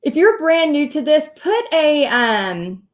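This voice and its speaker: Her voice is high and slow, with big swings in pitch. This middle-aged Texan woman coaches viewers on running a paint party business in a casual livestream, addressing them directly and laughing a lot.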